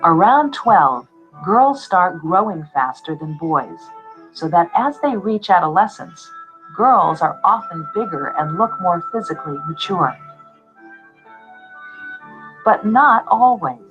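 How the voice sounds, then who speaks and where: A woman giving clear, measured scripted narration for an educational film, on a dull soundtrack with faint music behind. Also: lowish voice, lively intonation, a bit bright.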